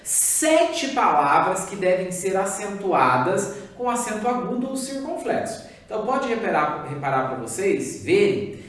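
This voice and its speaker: Animated Brazilian man teaching, echoey room. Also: sits high, unhurried. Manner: patient, repetitive explaining with frequent check-ins. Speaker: primary school teacher. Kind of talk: recorded lesson for children. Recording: very echoey room, voice far from the mic.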